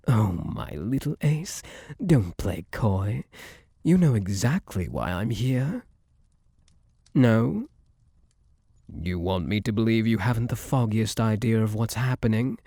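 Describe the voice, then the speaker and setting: A man's voice: medium pitch, gravelly, mellow, husky, dry recording, heavily acted. A man playing a suave, possessive luck spirit in an ASMR roleplay, flirtatious and theatrical, teasing and coaxing with pet names, close on the mic.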